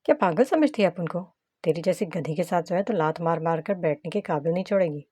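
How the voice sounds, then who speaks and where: A woman's voice: lowish voice, lively intonation, fairly quick, dark tone, slightly rough, no room sound. Audiobook: a woman playing a cocky young gangster husband, mocking street slang, dry close sound. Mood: teasing.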